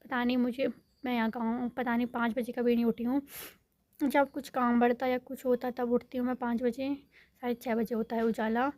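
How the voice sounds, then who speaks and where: A woman's voice: a little high, little pitch movement, normal speed, a little mellow, no room sound. Chatty young woman, rambling phone vlog. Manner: rambling, self-correcting, addresses viewers as guys. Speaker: vlogger. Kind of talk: casual chatty vlog monologue. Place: home in a village.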